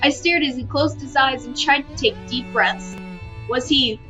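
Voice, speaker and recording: A woman reading a visual novel aloud with expressive asides, laughing easily and tripping over words. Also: high-pitched, measured pace, lo-fi sound, music in the background. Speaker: gamer narrating a visual novel.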